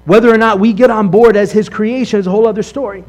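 A man's voice: high-pitched, steady tone, fast talker, a little mellow, soft background music. A man giving an earnest sermon as a rabbi, asking his listeners rhetorical questions and often checking in with "right?".

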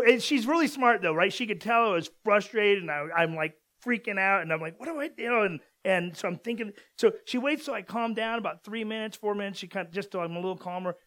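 A man's voice: sits high, a bit bright. A man in his forties from Southern California, a pastor giving a casual, conversational sermon and rambling with many fillers and restarts.

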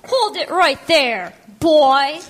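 A woman's voice: high voice, animated, normal speed, pushed and bright, soft background music. A woman playing a sassy, snappy teenage granddaughter in an amateur church skit. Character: sassy teenage granddaughter, quick to snap back.

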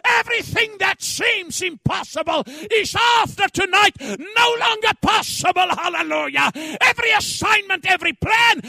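Woman, preacher, roaring rallying speech, high voice, creaky husky edge, declamatory. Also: pushed and bright, dry recording. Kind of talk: rallying sermon and prayer.

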